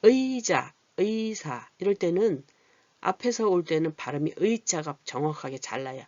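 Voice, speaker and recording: An adult literacy teacher explaining vowels patiently, asking rhetorical questions and reading example words slowly. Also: medium pitch, expressive, darkish tone, no room sound, dull audio. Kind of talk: Korean vowel lesson.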